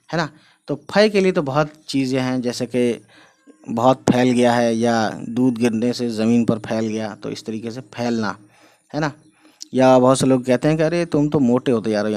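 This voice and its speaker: A man's voice: medium pitch, a little mellow. A man teaching how to write letters and words in a casual online lesson, chatting along as he writes, often repeating filler phrases to his viewers. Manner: chatty, repeats "you know" and "guys", explains while writing. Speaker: Urdu script teacher.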